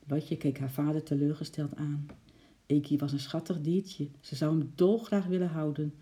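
Dark-voiced children's storyteller. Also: medium pitch, moderate pace. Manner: lively, with sound effects for the animals. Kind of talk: children's story read aloud.

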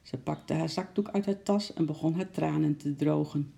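A narrator reading a children's story aloud at a steady storytelling pace. The voice is gravelly and very dark. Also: medium pitch, moderate pace.

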